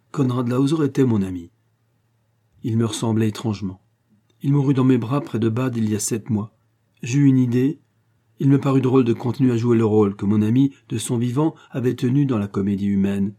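Guy reading as a slick gentleman-thief baron, ironic and in charge, husky dark voice. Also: medium pitch, moderate pace, lightly acted. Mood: ironic, confident. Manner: smooth, commanding, ironic. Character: suave, cunning male gentleman-thief baron. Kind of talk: audiobook reading.

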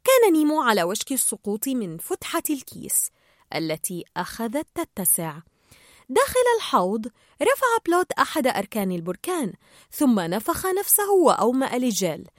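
Lively woman reading a storybook aloud. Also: a little high, moderate pace, no room sound, clean studio sound. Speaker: narrator. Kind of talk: storybook read-aloud narration.

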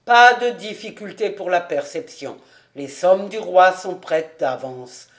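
An amateur audiobook reader voicing a jovial, stout middle-aged male tax collector who exclaims loudly and often. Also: lively intonation, slow. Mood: hearty. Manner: booming, exuberant, exclaiming. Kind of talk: audiobook character reading.

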